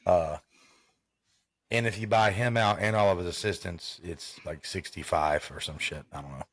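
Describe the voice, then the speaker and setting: A man's voice: sits low, normal speed, a bit bright. A man co-hosting a podcast in casual sports chat, rambling and repeating himself as he talks. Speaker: podcast co-host.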